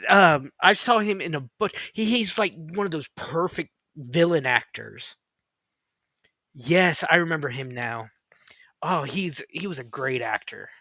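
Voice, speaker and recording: A man co-hosting a casual online show, chatty and quick to get excited. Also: fairly high pitch, no room sound. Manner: chatty, animated, quick to exclaim. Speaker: co-host. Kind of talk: casual podcast chat.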